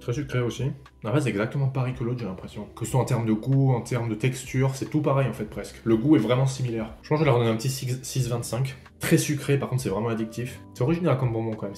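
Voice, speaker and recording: A man's voice: medium pitch, dark tone. A man from France chatting casually as he taste-tests snacks for a vlog, swearing offhand and thinking aloud as he eats. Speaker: vlogger reviewing snacks. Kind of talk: casual food tasting vlog. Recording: roomy echo, faint background ambience.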